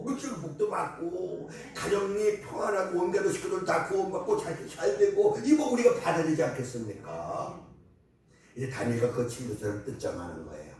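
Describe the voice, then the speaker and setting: A male pastor preaching a sermon, swinging from hushed asides to loud cries. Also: mid-range voice. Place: church sanctuary. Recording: echoey sanctuary from far off, faint noise.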